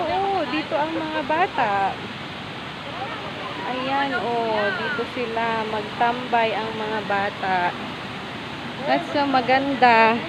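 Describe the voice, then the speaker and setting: A woman vlogging casually while walking outdoors at waterfalls, chatty and exclaiming, laughing often. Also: a little high. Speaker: travel vlogger. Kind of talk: casual travel vlog narration. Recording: loud rushing waterfall noise outdoors.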